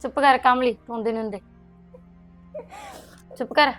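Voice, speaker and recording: An actress playing a sister-in-law who comforts and gently teases a crying young woman. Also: on the high side, steady tone, moderate pace, faint music behind, lightly acted. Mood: comforting. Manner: fond teasing comfort. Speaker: sister-in-law visiting the family. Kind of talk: village drama acting.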